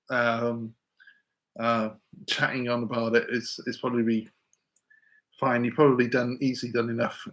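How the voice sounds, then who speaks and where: A man's voice: mid-range voice, a bit bright. Male teacher hosting a casual live Q&A; rambling, stop-start delivery. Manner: rambling, stammering restarts, reads chat aloud.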